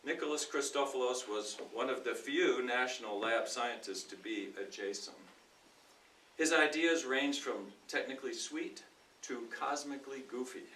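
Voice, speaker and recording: A man reads nonfiction aloud as a speaker in a reading contest, with a bright, forceful voice. His delivery is deliberate and emphatic, broken into short phrases. The room echoes around him and the microphone sits at a distance. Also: mid-range voice. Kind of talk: expressive reading aloud of nonfiction to a live audience. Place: indoor room at a speaking club meeting. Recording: roomy, distant mic with faint noise.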